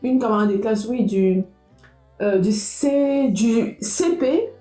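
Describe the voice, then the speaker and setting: A young adult woman vlogging casually, talking straight to her viewers in a lively, chatty way. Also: a little high, slow, echoey room, faint music behind, poor audio. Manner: lively, talks directly to viewers. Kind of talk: casual motivational vlog.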